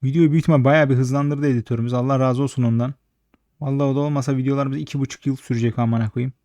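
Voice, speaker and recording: A man's voice: medium pitch, fairly even intonation, very fast, mellow, dry recording. Swearing, frustrated man talking at a slot. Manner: frustrated, swears constantly, talks at the machine. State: slightly hoarse late at night. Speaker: slot streamer. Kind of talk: casual live slot commentary.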